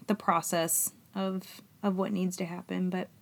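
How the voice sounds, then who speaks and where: A woman's voice: fairly low pitch, level tone, a little slow. A woman in her forties, a mother of teenagers from Florida, co-hosting a casual chat in a wry, chatty way. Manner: chatty, wry, throat-clearing. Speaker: podcast co-host.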